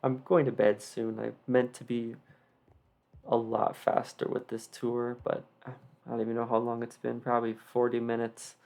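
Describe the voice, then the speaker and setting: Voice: medium pitch, little pitch movement, moderate pace, gravelly, a little mellow. A video creator with a slight lisp from wearing retainers gives a casual, unscripted tour commentary with rambling, self-deprecating asides. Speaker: video creator giving a game build tour.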